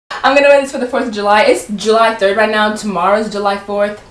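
A woman's voice: medium pitch, steady tone, a little fast, reverberant. A young woman chatting casually through a clothing try-on haul, giggly and often stumbling over her words. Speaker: vlogger.

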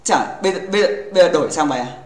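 A man with a fairly high voice chats casually on a gaming livestream, joking and teasing his viewers as he talks. He rambles and keeps restarting his sentences. His voice bounces around an echoey room. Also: animated, rapid-fire. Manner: playful and teasing, joking with chat.

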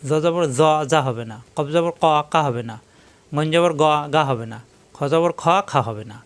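Guy teaching quran reading, goes syllable by syllable real slow, smooth clear voice. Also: a little high. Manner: slow, drilling sounds syllable by syllable. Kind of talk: step-by-step tajweed lesson.

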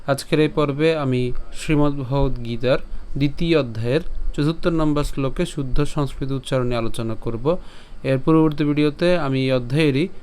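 A man teaching the pronunciation of a scripture verse, breaking it into syllables, asking and answering his own questions, and chanting the lines slowly. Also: mid-range voice, a little mellow, slight background noise. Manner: slow, drawn-out chanting of verse syllables between explanations. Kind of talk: step-by-step recitation lesson.

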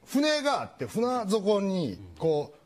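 Animated Kansai man telling a funny story. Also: high voice, slow pace. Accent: Kansai Japanese. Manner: animated, acts out every character. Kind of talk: comedic anecdote on a talk show. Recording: studio audience laughter behind.

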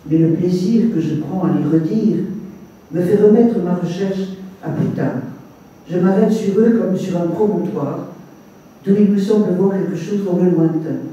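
A man, the author, reads his literary text aloud at a public evening, in a measured way with brief asides, recorded from a distance in an echoey hall. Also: high voice, mellow, highs cut off, a little hiss or hum. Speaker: author reading his book. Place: reception hall with audience. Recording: echoey room, mic at a distance.

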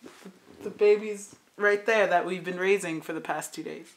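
A woman's voice: on the low side, fairly even intonation, normal speed. A young woman filming a home video with her sister, chatting casually and playing at being a mock-serious parent. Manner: playful, mock-serious, laughs often. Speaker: student filming a home documentary. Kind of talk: casual home-video chat with mock-dramatic role-play. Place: home room. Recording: echoey room.

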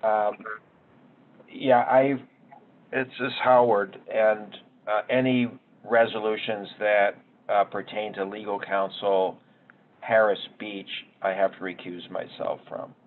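A man acting as committee chair over a teleconference line, reading formal procedure in a measured way. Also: fairly low pitch, little pitch movement. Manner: measured, reads set phrases. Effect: heard over a teleconference line. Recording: tinny phone-line sound, faint noise.

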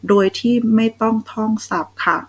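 A woman's voice: fairly high pitch, steady tone, moderate pace, rough recording. A young Thai woman teaching children English phonics, sounding out letters one at a time and praising them. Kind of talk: slow, patient phonics lesson for kids.

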